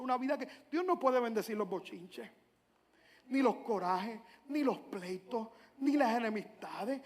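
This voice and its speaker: A man preaching a sermon, swinging from loud acted prayers to quiet, hushed lines. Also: extremely high pitch. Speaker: pastor. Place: large church hall. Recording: long hall reverb.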